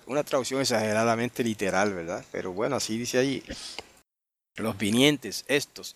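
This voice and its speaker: A man teaching an online Bible study at a middle pitch. He reads each verse aloud and then explains it, thinking aloud as he goes. He keeps checking in with his listeners along the way. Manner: thinks aloud with restarts and asides. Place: online group meeting.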